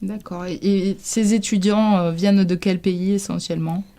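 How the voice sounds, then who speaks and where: A woman's voice: mid-range voice, flat delivery, moderate pace, dark tone. A woman interviewing on radio as host, rephrasing as she goes in a hesitant manner. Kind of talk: semi-prepared radio interview.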